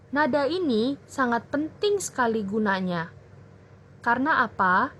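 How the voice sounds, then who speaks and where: A young woman tutoring children in a language lesson, explaining clearly and patiently. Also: on the high side, fairly bright tone, slight background noise. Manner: slow, clear teacherly explaining. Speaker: Mandarin tutor.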